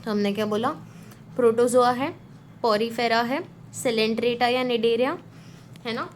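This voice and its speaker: A woman teacher gives a lively lecture and acts out little story scenes to help students remember names. Her voice sits a little high. A faint steady hum runs under the recording. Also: measured pace. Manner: explains a memory trick, acting out a little story. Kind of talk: Hinglish classroom lecture.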